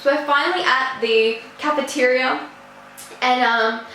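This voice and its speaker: A teenage girl telling a casual storytime vlog in a chatty, animated way, swearing now and then. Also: high voice, unhurried, slight background noise. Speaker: vlogger. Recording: echoey room.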